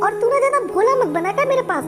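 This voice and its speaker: A man doing a shrill, cruel sister-in-law. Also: animated, fast, over music. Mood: scolding. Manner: harsh, scolding, insulting. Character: cruel scolding sister-in-law, adult woman.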